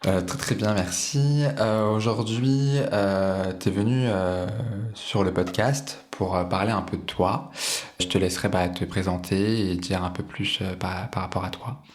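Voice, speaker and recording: A man hosting a podcast, reading a smooth opening and then asking questions with halting fillers. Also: low-pitched, steady tone. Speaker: podcast host. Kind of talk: scripted intro, then casual interview.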